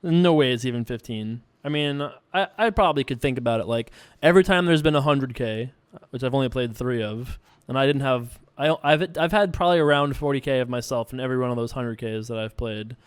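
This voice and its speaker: This poker show host, an American man from Long Island, New York, chats casually and ramblingly while answering viewer questions, repeatedly saying "you know." His medium-pitched voice is a little fast, clear, and resonant.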